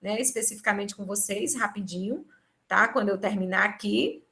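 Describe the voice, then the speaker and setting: Her voice is medium-pitched, gravelly, pushed, and bright, moving at a moderate pace. A woman with a Brazilian Portuguese accent teaches exam prep live online, from a home or office over a video call with a computer microphone. She explains step by step and checks in using tag questions.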